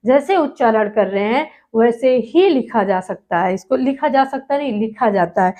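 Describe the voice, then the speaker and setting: High-voiced woman teaching a class. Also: lively intonation, moderate pace, warm tone. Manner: asks the class questions and answers them herself; drags out key words for emphasis. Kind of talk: classroom-style lecture. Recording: muffled lo-fi recording.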